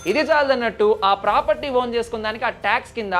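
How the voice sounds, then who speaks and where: A woman's voice: on the high side, very fast, fairly bright tone, lightly acted. A woman playing a scolding guru who lectures a disciple on money in a comic ad skit. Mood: lecturing. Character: scolding know-it-all guru giving money advice. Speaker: guru giving finance tips. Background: music.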